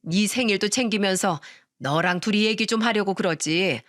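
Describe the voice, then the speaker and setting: A woman's voice: medium pitch, normal speed, a bit bright, dry recording, clean studio sound, natural voice. A woman voicing a pushy, scheming middle-aged mother-in-law in a narrated radio story, demanding and accusing. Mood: coaxing.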